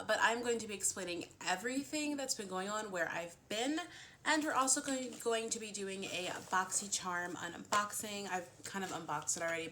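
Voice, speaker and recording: A beauty vlogger with a mid-range, sharp-toned voice chats casually through a get-ready-with-me video. She sounds a little sniffly and fills her talk with "um" and "like." There is a slight hiss or hum in the recording.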